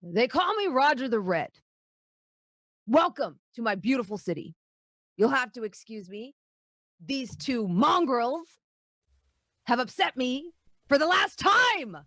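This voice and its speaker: A woman's voice: sits high, sing-song, measured pace, long pauses, a bit bright, dry recording, studio quality, pitched above the performer's own voice, heavily acted. A woman voicing a pompous, exasperated male dwarf town leader with a formal, blustering manner in a tabletop game. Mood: indignant.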